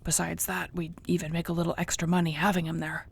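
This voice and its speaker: A woman voices an orc warrior girlfriend in an intimate audio roleplay, her voice husky, gravelly and low with a level tone. Gentle and content, warm and hopeful, she talks softly, tenderly and unhurriedly to her beloved, often close to a whisper.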